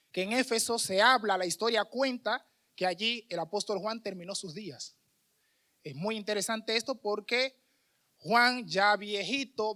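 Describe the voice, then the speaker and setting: A man's voice: sits high, sharp tone. A man with a Dominican Spanish accent, a missionary preacher giving a conversational sermon with restarts and fillers. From Dominican Republic.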